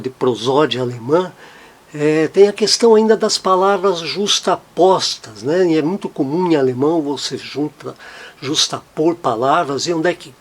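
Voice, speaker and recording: Homem professor, fala paciente e didática. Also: male voice, fairly high pitch. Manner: patient, repeats example words slowly. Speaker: German teacher. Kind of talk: explanatory lesson.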